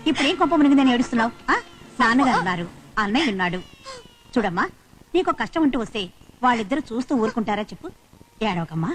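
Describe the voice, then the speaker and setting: An actress dubbing a caring sister who gently scolds and soothes a crying woman. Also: on the high side, sing-song, quick pace, pauses often. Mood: consoling. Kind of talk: dramatic film dubbing.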